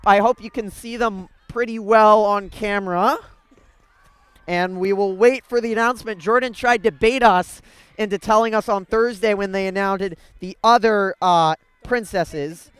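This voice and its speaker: A young man provides live, chatty sports commentary from a stadium set, trading banter with guests into a handheld broadcast mic. His voice sits high and sounds fairly bright and smooth, with a steady tone and a slightly slow pace. The recording is dry.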